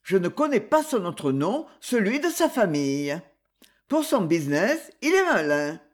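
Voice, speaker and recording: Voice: medium pitch, very animated, measured pace. A reader voicing a cornered, grumbling male crook in an audiobook, hesitant and surly.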